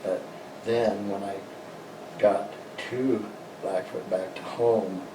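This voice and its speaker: Deep-voiced older American veteran remembering, halting. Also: male voice, fairly even intonation. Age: older, 60s or above. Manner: old veteran remembering, halting and plain-spoken. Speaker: interviewee, war veteran. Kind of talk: personal reminiscence in an interview. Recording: roomy, distant mic, noisy background.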